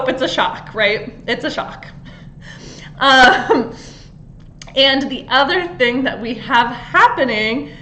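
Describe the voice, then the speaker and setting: A woman's voice: fairly high pitch, pushed and bright, echoey room, low-quality recording. A woman spiritual coach giving a casual astrology talk, chatty and full of fillers, with the odd giggle.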